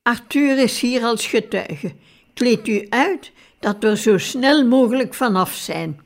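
Woman reading a calm, clinical male doctor. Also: on the high side, slow pace, voice pushed up. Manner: calm, matter-of-fact.

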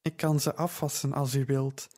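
A man voicing a humble, grateful young homeless girl who speaks softly and apologetically in an audiobook. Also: mid-range voice, flat delivery, normal speed, natural voice. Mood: timid grateful. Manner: soft, timid and apologetic.

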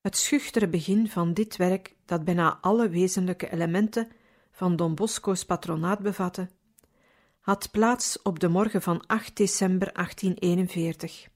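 A woman reading a religious story aloud in calm, measured scripted narration. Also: fairly low pitch. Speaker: audiobook reader.

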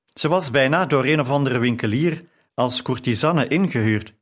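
A man's voice: medium pitch, moderate pace, close to an everyday voice. A man voicing a curt, protective male servant who speaks in clipped phrases in an audiobook. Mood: weary.

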